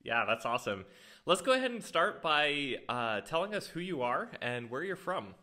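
A young man hosts a casual travel podcast from his living room, speaking into a stand-mounted studio mic while wearing headphones. His voice is a little high, bright and forceful, with big pitch swings and a moderate pace. He opens with an upbeat, enthusiastic intro sprinkled with a few fillers.

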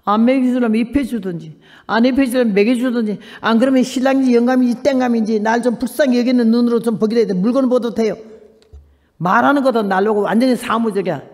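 Older woman telling a lively church testimony. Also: fast. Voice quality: high voice. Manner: animated storytelling, acting out dialogue. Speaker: missionary giving testimony. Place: church hall. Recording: echoey hall reverb.

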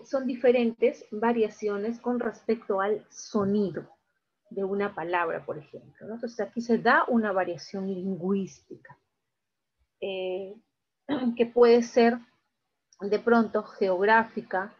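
Dull audio carries a woman's medium-pitched voice with a breathy edge as she teaches a recorded class. She moves slowly, explaining each step and checking in with students often.

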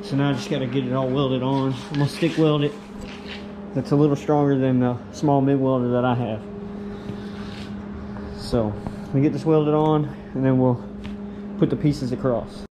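Young male farm vlogger, relaxed and rambling, action-cam sound with noisy shop and engine behind. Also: medium pitch, normal speed. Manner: relaxed, rambling, talks while working. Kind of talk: casual first-person workshop vlog. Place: outdoors on a farm and in a workshop.

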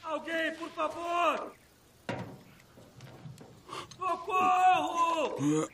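A man's voice: extremely high pitch, expressive, recorded from a distance, very noisy, exaggerated voice. An actor with a Brazilian accent playing a terrified captive man in a dubbed thriller, begging desperately for rescue with anguished screams. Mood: desperate pleading. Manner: anguished, drawn-out screams for help. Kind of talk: dubbed thriller film acting.

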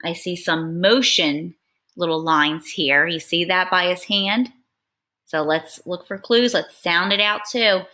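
Young woman teacher, unhurried and bright, guides a read-aloud lesson patiently. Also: lowish voice. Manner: patient, explains step by step, sounds words out.

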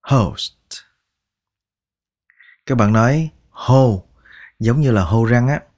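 A man teaching English pronunciation, repeating each word slowly and drawing out its sounds, patient and coaxing. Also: medium pitch. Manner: patient, coaxing, ends phrases with soft particles. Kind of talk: slow pronunciation lesson.

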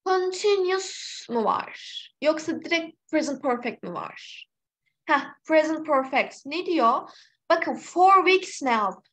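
High-voiced, lively woman teaching English. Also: slow pace, low-quality recording. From Turkey. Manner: lively, encouraging, reads out student names. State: slightly hoarse. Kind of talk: live online exam-prep lesson.

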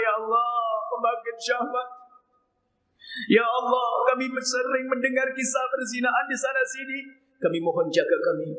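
A middle-aged Friday preacher leads an impassioned sermon prayer from a mosque pulpit, pleading fervently as he swings between low murmurs and shouted cries. He's picked up on a headset mic, and the audio is poor.

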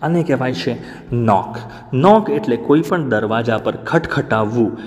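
A man teaches a language lesson at an unhurried pace, reading out the spelling of each word one letter at a time. He keeps checking in with his learners by asking how a word is pronounced. His mid-range voice carries a long reverb from the room. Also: medium pitch, lively intonation. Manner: spells words out slowly letter by letter, asks learners questions. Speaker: English teacher.

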